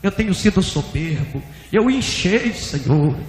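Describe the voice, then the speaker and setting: A Brazilian preacher acting out a desperate pastor who cries and pleads aloud for forgiveness. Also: male voice, sits high, fairly even intonation, moderate pace, a little hiss or hum. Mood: pleading. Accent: Brazilian Portuguese. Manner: crying, pleading, shouting out. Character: proud male pastor, desperate, begging forgiveness. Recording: echoey hall with long reverb.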